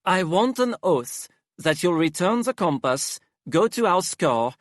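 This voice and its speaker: A man's voice: sits high, very animated, unhurried, no echo, studio quality, pitched above the performer's own voice. A man voicing a flamboyant, menacing young man who speaks in a sing-song, theatrical drawl and drops French endearments. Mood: coaxing.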